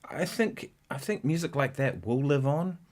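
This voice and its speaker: A man hosting a casual guitar livestream, rambling in a halting way with many restarts and sometimes counting rhythms aloud. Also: fairly high pitch, expressive, darkish tone.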